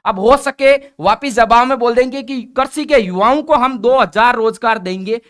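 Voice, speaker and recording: A man's voice: very high-pitched, moderate pace, a bit bright, clear, resonant tone. A man, an exam coaching teacher speaking bluntly and directly to his viewers in a conversational update talk.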